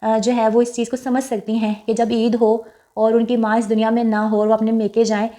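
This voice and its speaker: A woman's voice: a little high, flat delivery, fairly quick. A young woman from Pakistan narrating her vlog in a casual, chatty way, reflective and a little wistful, with frequent fillers. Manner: speaks softly and wistfully about her late mother. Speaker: vlogger.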